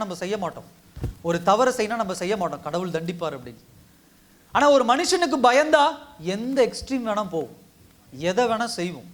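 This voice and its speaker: High-pitched male pastor, exhorting sermon delivery with repeated phrases. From India. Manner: exhorting, repetitive preaching cadence. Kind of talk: Tamil sermon.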